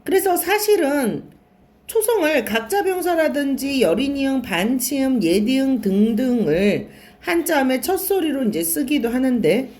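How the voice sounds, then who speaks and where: A woman's voice: high voice, big pitch swings, unhurried, a little mellow. A woman teaching a classroom lecture, asking questions and answering them herself, and repeating and stretching key words. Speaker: Korean language teacher.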